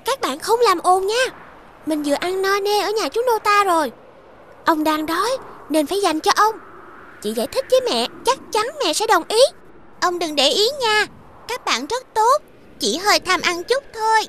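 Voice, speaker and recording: A woman voicing a kind, caring little girl princess in an animated fairy tale. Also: very high voice, moderate pace, slight background noise. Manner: bright, caring, childlike speech. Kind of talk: cartoon dub acting.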